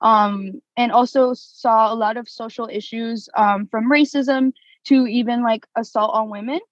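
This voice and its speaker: A woman's voice: on the high side, fairly even intonation, unhurried, no room sound, lo-fi sound. A young woman, a political science student, presenting a class project in a casual way, with many fillers and restarts. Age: young adult.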